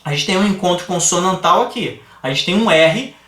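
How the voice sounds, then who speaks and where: A man with a Brazilian Portuguese accent teaching a grammar lesson, explaining slowly and asking the class rhetorical questions. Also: high-pitched, bright, forceful tone, recorded from a distance. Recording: echoey room, voice a bit off-mic.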